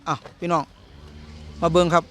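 Speaking at normal speed with a fairly bright tone, this man hosts a cattle market video in an Isan, northeastern Thai accent. Like a live seller, he keeps repeating prices and addressing viewers over the noise of an outdoor market.

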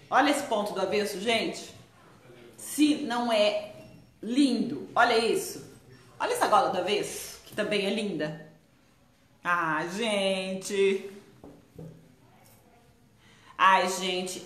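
A woman with a Brazilian Portuguese accent, teaching crochet on a live stream in her shop, chatty and quick to laugh. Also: mid-range voice, echoey room. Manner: chatty, laughs often, exclaims "ai, gente".

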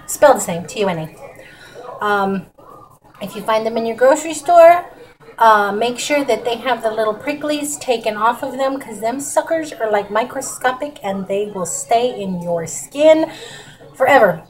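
A middle-aged woman demonstrates a recipe in her home kitchen as a cooking vlogger, chatting folksily to her viewers in a casual way. Her fairly high voice has lively intonation and a measured pace, and the audio, captured by a camera sitting close on the counter, is poor.

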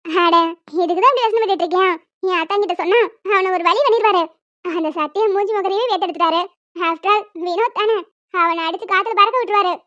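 A woman's voice: extremely high pitch, fast talker, fairly bright tone, dry recording, highs cut off. A woman voicing a distressed young female college student who talks in an emotional, pleading way. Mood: worried.

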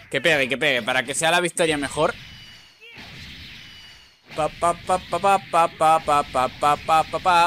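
A man with a Spain Spanish accent giving excitable, teasing commentary over his own online fighting-game matches. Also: on the high side. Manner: excitable, teasing, frequent "tío". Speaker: gaming YouTuber. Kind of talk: live gameplay commentary.

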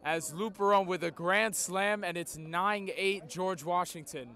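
A man doing live play-by-play baseball commentary outdoors like a radio announcer, with drawn-out, emphatic calls. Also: sits high, pushed and bright. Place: outdoors at a school baseball field.

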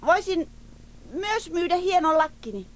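A woman's voice: extremely high pitch, animated. A woman voicing a naive, childlike wooden puppet boy in a storybook cassette. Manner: innocent, childlike, easily fooled.

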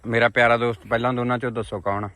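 A man's voice: mid-range voice, little pitch movement, fast, noisy background. A man with a Punjabi accent talking casually and playfully in a village vlog, teasing the people around him. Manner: playful, teasing with friends and children. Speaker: vlogger.

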